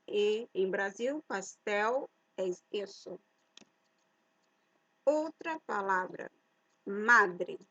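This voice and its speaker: A woman teaching a language lesson to Spanish speakers, explaining each word slowly and deliberately, mixing Spanish words into her Portuguese and stressing the key words loudly. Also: medium pitch, no room sound, muffled recording.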